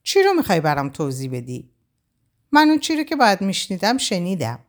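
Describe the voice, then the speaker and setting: A woman's voice: mid-range voice, wildly swooping pitch. A woman reading a novel aloud, voicing a distraught young woman who is crying and lashing out. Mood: angry. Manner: sobbing, raised and pleading outbursts. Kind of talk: audiobook character voice.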